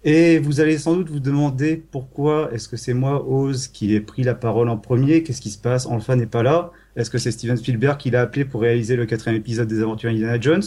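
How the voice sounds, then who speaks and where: A mid-pitched man hosts a casual podcast about old video games. He lists platforms with a dry, wry touch and keeps the chat moving between guests. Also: fairly even intonation, fairly quick, few pauses, warm tone. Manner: enumerating, wry, steering the discussion. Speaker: podcast host.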